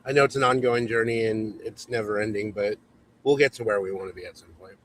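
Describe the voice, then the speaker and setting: A man's voice: on the low side, fairly even intonation, fast, fairly bright tone, a little hiss or hum, poor audio. A man in his forties hosting a casual livestream chat over a video call, chatty and reading viewer comments aloud. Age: 40s. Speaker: host.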